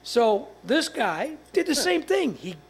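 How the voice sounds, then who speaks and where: High, gravelly, husky-voiced man. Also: big pitch swings, slow pace. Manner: rambling, stammering storyteller. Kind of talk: casual studio banter.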